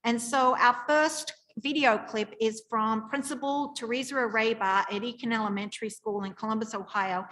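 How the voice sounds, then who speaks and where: A woman presenting at a professional meeting, introducing video clips with measured speech and filler pauses. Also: fairly high pitch, steady tone, a bit bright, low-quality recording. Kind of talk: conference presentation.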